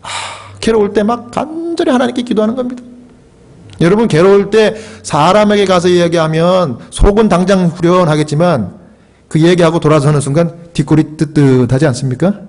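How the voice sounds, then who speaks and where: A man's voice: sits high, brisk, a little mellow. A middle-aged man, a pastor, preaching a sermon in a church, emphatic and acting out fervent prayers. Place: church sanctuary.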